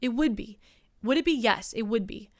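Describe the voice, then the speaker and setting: A woman's voice: a little high, lively intonation, normal speed. A young woman hosting her show with a rambling, self-mocking comic monologue. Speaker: comedian host.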